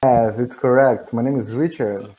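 A young Brazilian man with a warm, relaxed timbre talks on a video call through a headset. His English is careful and a little halting, with a Brazilian Portuguese accent and a friendly, easygoing manner. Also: mid-range voice, low-quality recording. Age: 20s. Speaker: English student. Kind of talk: casual video call chat. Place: indoor room, green backdrop.

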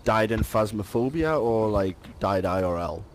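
A man's voice: lowish voice, animated, unhurried, slight background noise. A man chatting casually and crudely with friends during an online game. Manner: crude, joking banter. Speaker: gaming friend. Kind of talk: casual gaming chat. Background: game music.

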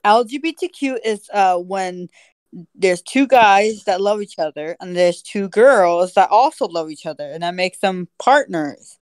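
A woman's voice: mid-range voice, expressive, unhurried, a little mellow, dry recording, natural voice. Woman as an embarrassed teenage son, dry sound. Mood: patient, embarrassed. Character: embarrassed, patient seventeen-year-old son of a fussy dad. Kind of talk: amateur roleplay acting.

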